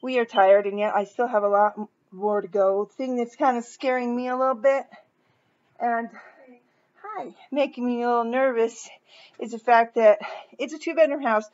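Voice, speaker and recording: A woman in her forties with a higher-than-average voice speaks at normal speed on a muffled recording. Tired and a bit breathless from moving out of her house, she rambles candidly in a casual vlog, poking fun at herself.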